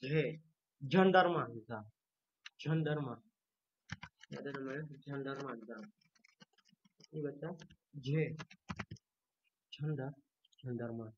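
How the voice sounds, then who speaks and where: A Turkish language teacher from Indonesia giving an online lesson with a shared screen, patiently repeating each letter sound slowly to show how it is pronounced. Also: mid-range voice, muffled recording, background noise.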